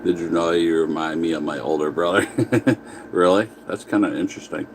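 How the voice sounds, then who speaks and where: A man's voice: deep voice, fairly even intonation, normal speed, noisy background. A man chatting casually on a livestream while eating, answering viewer comments and talking with his mouth full. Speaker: livestream host.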